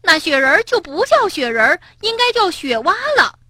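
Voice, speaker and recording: A woman voicing a playful, stubborn young male rabbit in a children's storybook, with excited, shrill calling. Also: moderate pace, breathy edge, dry recording, clean studio sound, exaggerated voice. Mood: insistent.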